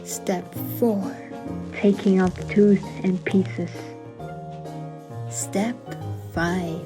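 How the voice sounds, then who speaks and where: A woman's voice: medium pitch, steady tone, drawn-out words. A woman narrating a scripted personal story as a voice-over, with wry, self-deprecating and dramatic asides. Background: music behind the voice.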